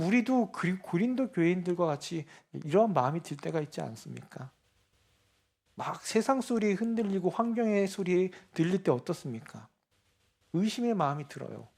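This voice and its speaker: A male pastor preaching a sermon, asking the congregation rhetorical questions and swinging between soft asides and loud, emphatic declarations. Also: sits high.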